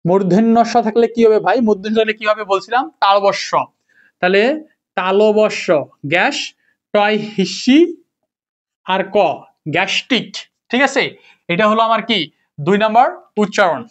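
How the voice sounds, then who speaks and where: Here the young teacher's voice sits high and moves at a moderate pace, broken up by frequent pauses. In this casual lesson he keeps asking his students the same questions again and again, captured on a dull, lo-fi recording.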